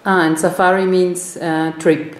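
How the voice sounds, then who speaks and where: A woman asks her guest short, direct questions in a fairly low voice. The room around her gives back a noticeable echo. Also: flat delivery, unhurried, slight background noise. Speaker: interviewer. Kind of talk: interview questions.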